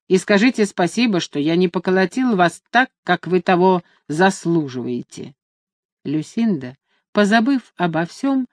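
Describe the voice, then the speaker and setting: Female audiobook narrator, low register, dry booth sound, steady storytelling. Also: no echo. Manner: steady storytelling with quoted dialogue. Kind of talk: scripted narration.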